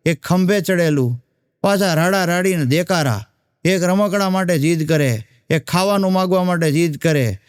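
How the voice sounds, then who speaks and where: High-voiced comedian telling jokes. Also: male voice, darkish tone, no room sound, studio quality. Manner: chatty, with asides to the audience. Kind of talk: stand-up joke telling.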